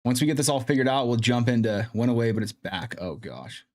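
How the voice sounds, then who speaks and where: Animated and fairly quick, a man with a medium, slightly mellow voice hosts a laid-back live stream. He chats and thinks aloud as he troubleshoots his sound, using a streaming mic with in-ear monitoring while faint music plays.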